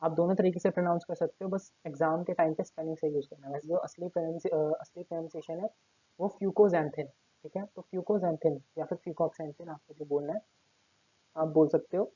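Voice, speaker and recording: A man's voice: on the high side, steady tone, a little fast, dark tone, husky, dry recording. A male teacher giving a recorded class lecture while seated at his table, explaining step by step and checking in with his students after almost every point. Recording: tinny phone-like lo-fi audio.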